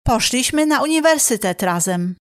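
A woman reading short phrases slowly and clearly for a language lesson. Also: on the high side, expressive, dry recording, clean studio sound. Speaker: phrase reader in the learner's language.

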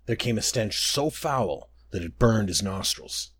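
A man's voice: on the low side, lively intonation, a little slow, fairly bright tone, breathy edge. A man narrating a scripted fantasy adventure story.

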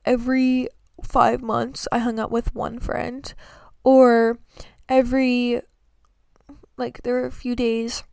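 A young woman vlogger gives breakup advice in a casual chat to camera about her life, her slightly high, darkish voice sounding earnest but sleepy, with yawns and many fillers. The audio is clean, echo-free and studio quality.

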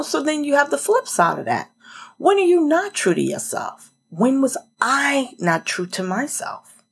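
A woman's voice: fairly low pitch, creaky, slightly rough. A middle-aged woman hosting a solo motivational podcast, chatty and emphatic, talking straight to the listener. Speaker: podcast host.

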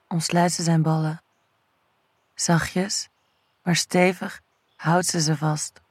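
A woman narrating a scripted erotic audio story in a slow, sensual storytelling manner. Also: deep voice, a little mellow, no room sound.

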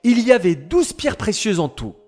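A man voicing a patient, knowing boy who explains things slowly in a children's story. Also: high-pitched, sing-song, a little mellow, faint music behind. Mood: patient, warm.

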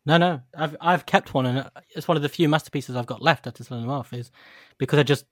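This man speaks quickly at a middle pitch, in an animated, joking way. He co-hosts a casual chat and often turns nostalgic. The sound is dry and close. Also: no room sound. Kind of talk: casual chat about collectible toys.

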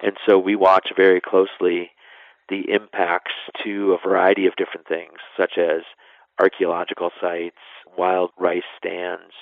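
A national park superintendent, appearing as an expert interview guest, explains things in a low, creaky, gravelly voice that's monotone and unhurried. His informal phrasing sometimes trails off. The dry, slightly dull sound resembles a band-limited radio interview, with no room sound.

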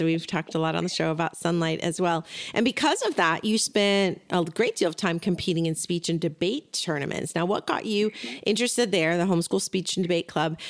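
A woman hosting a radio interview, asking steady, encouraging questions. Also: fairly low pitch, no room sound. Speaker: radio show host, interviewer.

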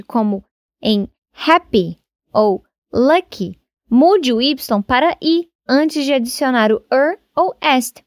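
A woman giving a scripted English grammar lesson, speaking slowly and carefully and spelling words out letter by letter. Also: sits high, no room sound, clean studio sound. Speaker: English teacher.

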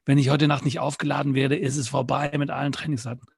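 A man's voice: medium pitch, level tone, quick pace, vocal fry, slightly rough, no echo, clean studio sound, voice pushed up. A man voicing a panicked male smartwatch whose battery is nearly dead, calling out shrilly for help. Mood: pleading.

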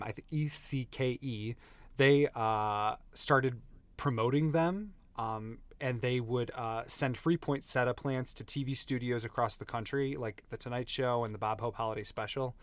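A man's voice: mid-range voice, a little slow, dry recording. Chatty man tasting wine, dry sound. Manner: relaxed, jokey, rambling with fillers. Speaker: podcast co-host tasting wine. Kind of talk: casual chat.

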